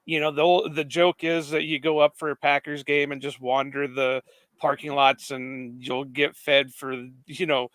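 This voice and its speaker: A man's voice: fairly high pitch, little pitch movement, moderate pace, a bit bright, no room sound. A man co-hosting a football podcast, friendly and rambling, with many "you know"s. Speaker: podcast co-host. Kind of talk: casual sports podcast chat.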